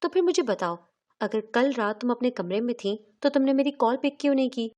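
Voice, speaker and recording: A woman's voice: a little high, animated, darkish tone, lightly acted. A woman reading out the lines of a suspicious husband who accuses his wife sharply over the phone. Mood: angry. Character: suspicious, angry husband working abroad.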